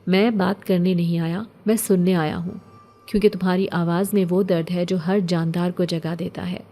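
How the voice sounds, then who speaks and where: A soft-spoken ancient male jinn, voiced by a woman narrating a horror storybook. His words come slow and poetic, meant to console. The tone is mellow and warm rather than bright. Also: on the low side, steady tone, faint music behind, close to an everyday voice. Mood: calm, tender.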